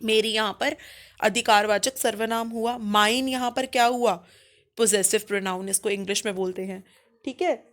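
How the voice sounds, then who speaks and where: A young woman with a fairly high voice teaches a grammar lesson. She explains patiently and keeps checking that her listeners follow. She slows right down to spell out each example sentence. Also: steady tone, a bit bright. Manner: slow, spelled-out English examples. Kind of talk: Hindi-English grammar lesson.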